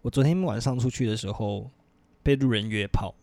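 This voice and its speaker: A man's voice: mid-range voice, moderate pace, creaky, no room sound. A man with a Taiwanese Mandarin accent, co-hosting a casual podcast chat and telling stories at length with many asides. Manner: lively storyteller, narrates at length with many asides. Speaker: podcast co-host.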